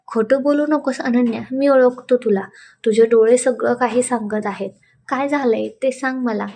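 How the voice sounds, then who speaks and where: A woman's voice: on the high side, steady tone, normal speed, mellow. A woman voicing a young man, a devoted and hot-tempered fiancé who pleads urgently and then soothes, in a storybook reading.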